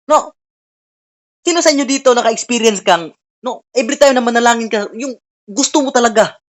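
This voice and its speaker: A woman preaching earnestly at an online Bible study over a video call, often tagging her lines with a questioning "no?". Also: fairly high pitch. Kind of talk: online sermon.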